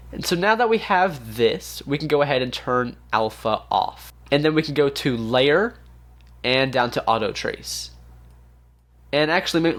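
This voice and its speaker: A man with a sick voice, casually walking viewers through a software tutorial with lots of filler words. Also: medium pitch. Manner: casual, easygoing with frequent fillers. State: sick, congested voice. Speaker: tutorial host. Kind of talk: screen-recorded software tutorial.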